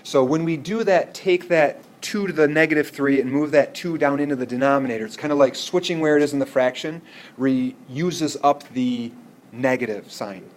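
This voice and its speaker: A male math teacher with a mid-range voice delivers a classroom algebra lecture at normal speed. His explanation proceeds step by step, with frequent checks on whether the students are following.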